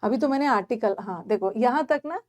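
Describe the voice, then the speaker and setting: A woman's voice: on the high side, expressive, a little fast, darkish tone. A woman teaching English grammar in an online exam-prep lesson. She speaks with an Indian English accent, explains step by step in a mix of Hindi and English, and repeats her points to check the class is following.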